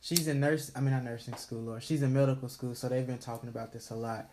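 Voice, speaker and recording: A man in casual chat, talking in a relaxed, rambling way full of fillers. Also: mid-range voice, fast talker, slight background noise.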